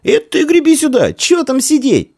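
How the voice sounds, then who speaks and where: Man voicing a young Roman boy: touchy, earnest, high-pitched in a dry storybook read. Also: wildly swooping pitch, moderate pace, no room sound, exaggerated voice. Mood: calling out. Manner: shouting across the water, indignant.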